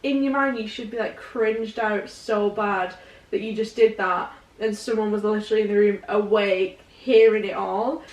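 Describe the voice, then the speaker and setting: A woman with a Northern English accent co-hosting a casual book podcast, chatty and quick to laugh. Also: mid-range voice, steady tone, echoey room, far from the mic, rough recording. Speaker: podcast co-host.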